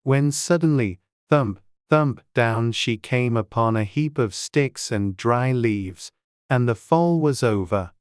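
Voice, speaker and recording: An audiobook narrator reading a children's story in a measured, deliberate storytelling way. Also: medium pitch, clear, resonant tone, no room sound, studio quality.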